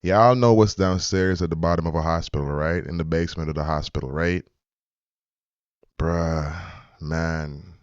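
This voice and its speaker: A man with a very low voice comments as host in a calm, reflective way, choosing elaborate words. The sound is dry and close, and slightly dull. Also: normal speed, smooth, dry recording. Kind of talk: casual commentary.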